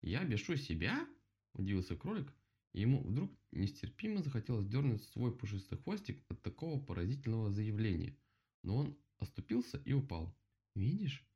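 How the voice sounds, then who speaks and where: A man reading a children's story aloud with an expressive storytelling manner. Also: fairly low pitch, a little fast, slightly rough. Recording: dull lo-fi recording.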